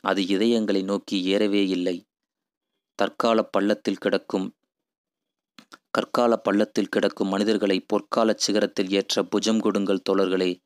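A man's voice: fairly low pitch, level tone, a little slow, smooth, no echo, close to an everyday voice. A man voicing an impassioned idealist who preaches to villagers in poetic, rousing speech.

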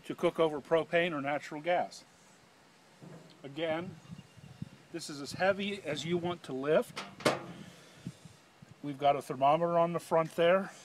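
A man in his fifties gives a chatty product demonstration outdoors, slipping jokes into his sales patter. His voice sits somewhat high for a man. Clicks and passing vehicles come through clearly in the background. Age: 50s. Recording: audible outdoor background noise.

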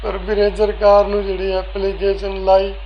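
A man answering an interviewer's questions in a soft-spoken, casual way. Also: sits high, monotone, normal speed, lo-fi sound, a little hiss or hum. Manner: soft-spoken, repeats "veere" often. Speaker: interviewee, family member.

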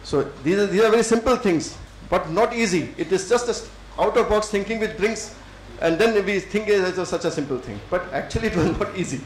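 A middle-aged Indian man with an Indian English accent gives a thoughtful lecture to students, with many fillers and pauses. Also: high-pitched, roomy sound, a little hiss or hum, poor audio. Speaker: civil servant speaker. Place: lecture hall.

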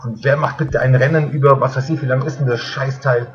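A man's voice: medium pitch, fairly even intonation, a little fast, muffled recording. A man in a berserk, exasperated rage, swearing heavily as he commentates his own video gaming. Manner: berserk angry ranting, heavy swearing, exasperated. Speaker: gamer recording gameplay. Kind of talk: ranting video game commentary. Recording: clear game noise behind voice. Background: racing game sounds.

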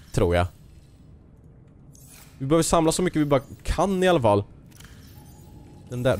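This let's play host speaks in a mid-range voice, jumping with sudden nervous outbursts as he plays. He cracks jokes, mumbles to himself, and answers back to the creatures on screen. Slight background noise can be heard.

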